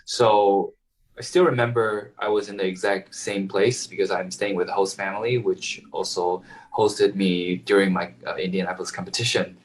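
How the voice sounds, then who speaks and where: A man's voice: sits low, level tone, normal speed. A young man, answering interview questions casually and hesitantly, with many fillers and restarts. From Taiwan. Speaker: guest violinist. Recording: voice heard from a distance.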